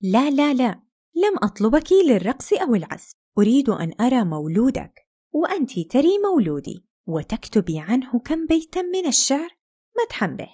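Lady playing a proud nervous princess, voice lifted high, bit of a sneer. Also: very animated, brisk, warm tone, slightly rough, exaggerated voice. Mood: anxious, haughty. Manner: fearful yet sarcastic. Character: anxious proud princess, young mother, sharp-tongued.

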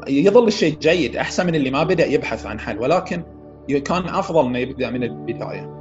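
A man, a psychiatrist guest who explains patiently with everyday examples and frequent pauses to find the word. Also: medium pitch, animated, dull audio, over music. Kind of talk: casual expert explanation.

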